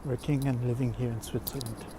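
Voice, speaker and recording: A vlogger, live-streaming a walk on city streets and narrating in an unhurried, hesitant way with fillers. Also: medium pitch, level tone. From Greece. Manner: unhurried, hesitant, pausing with fillers while walking. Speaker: vlogger giving a walking tour. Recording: loud outdoor street noise.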